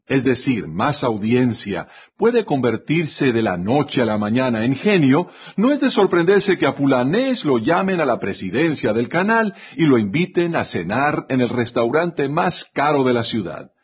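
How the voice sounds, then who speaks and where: A man's voice: mid-range voice, slightly rough. A man delivering a scripted radio reflection as a commentator, telling a story and acting out the quotes. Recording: dull lo-fi radio sound.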